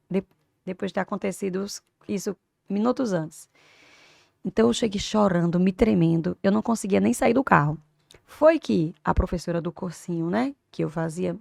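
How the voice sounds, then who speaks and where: Woman in her 50s, very gravelly voice, dry close sound, emotional story told with big swings in loudness. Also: mid-range voice, no echo. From Brazil. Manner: animated storytelling, swings from hushed to loud. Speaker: guest, teacher and doctor. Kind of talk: emotional personal story in an interview.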